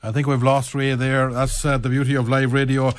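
A man with a Donegal Irish accent presenting live sport on local radio, talking in a halting, roundabout way and often correcting himself. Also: mid-range voice, level tone, no echo. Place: radio studio.

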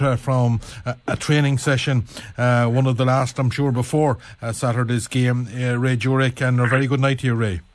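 Male local radio sports host, Donegal accent, mid-pitched, halting and roundabout, very dry studio sound. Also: dry recording. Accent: Donegal Irish. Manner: halting, roundabout, repeats and corrects himself. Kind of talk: live local radio sports talk and interview.

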